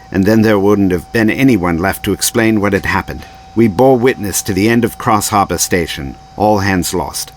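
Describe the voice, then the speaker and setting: An actor playing a brilliant, compassionate alien time traveller in an audio drama, articulate and earnest in a theatrical way. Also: male voice, lowish voice, slight background noise, natural voice. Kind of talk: full-cast audio drama acting.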